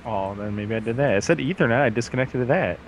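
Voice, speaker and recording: Brief: lively-voiced man, casual gaming podcast banter over a noisy call line. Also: mid-range voice, quick pace. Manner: animated, joking, fiddling with setup. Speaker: podcast co-host. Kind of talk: casual group call chat. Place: his basement man cave. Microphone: computer mic on a group call.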